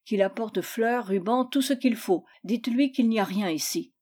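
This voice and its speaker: Lady reading as a gruff doting dad, blustery, mellow dark tone. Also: a little high, moderate pace, natural voice. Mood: blustering. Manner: blustering, indulgent. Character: doting, gruff aristocratic father.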